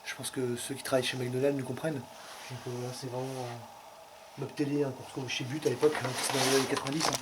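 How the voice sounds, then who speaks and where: A man's voice: medium pitch, flat delivery, fast talker. A man co-hosting a parody exploration video in an abandoned garage, rambling and clowning as he keeps interrupting himself. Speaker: co-host of a parody urban-exploring show. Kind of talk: jokey improvised commentary. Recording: clear background noise.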